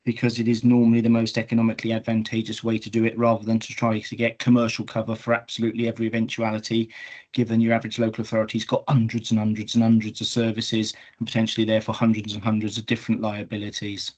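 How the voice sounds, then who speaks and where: A man with a lowish voice explains a point at a formal meeting. He talks quickly in an extremely flat tone, as a council officer would.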